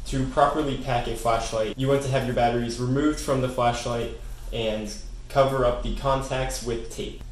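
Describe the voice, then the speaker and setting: Young man reading a product script, echoey room. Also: mid-range voice. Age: young adult. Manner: even, read-from-script delivery. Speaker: company presenter. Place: office room with desk. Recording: very echoey room, faint hiss.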